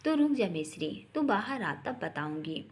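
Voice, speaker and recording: A woman's voice: mid-range voice, very animated, unhurried, slight background noise. A woman voicing a bold, playful young woman who sulks and boasts, in a storybook reading. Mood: sassy. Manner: sassy, sulky, playful. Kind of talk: storybook voice acting.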